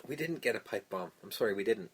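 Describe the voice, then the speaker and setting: Blunt, husky-voiced man talking casually. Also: on the low side, lively intonation, fast talker. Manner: swears a lot, blunt and opinionated. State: stuffed up. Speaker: podcast co-host. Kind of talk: casual wrestling chat.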